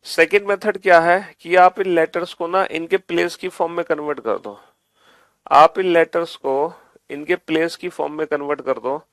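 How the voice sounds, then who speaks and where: Young guy teaching exam reasoning, kinda high voice, asks and answers himself, dry close mic. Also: steady tone, fairly bright tone, dry recording. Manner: answers his own questions in the students' voice, addresses them as beta; spells out letters slowly, repeating each step. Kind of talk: exam-prep reasoning lesson.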